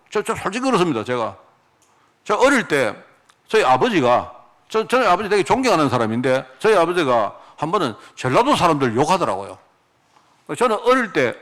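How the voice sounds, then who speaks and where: Animated Gyeongsang-accented male pastor. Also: a little high. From Daegu, South Korea. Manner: animated, emphatic, asks the congregation rhetorical questions. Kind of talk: sermon.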